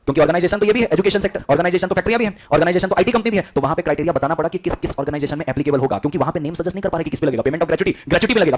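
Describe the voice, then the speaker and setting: A man teaching a class, lecturing and constantly quizzing his students with repeated questions, mixing English terms into Hindi. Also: on the high side.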